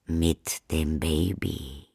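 A man's voice: rumbling low, fairly even intonation, extremely slow, gravelly, dark tone, husky, dry recording, clean studio sound, pitched below the performer's own voice, full character voice. A man voicing a stern, pompous vampire count speaking to his family. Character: stern, self-assured vampire count, father.

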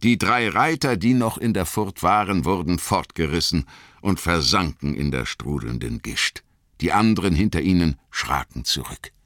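A man narrates an adventure story in a very deep voice that rises and falls dramatically. He reads slowly and deliberately, with a dry, close recording. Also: no room sound. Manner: dramatic, expressive reading. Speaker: audiobook narrator. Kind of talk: scripted narration.

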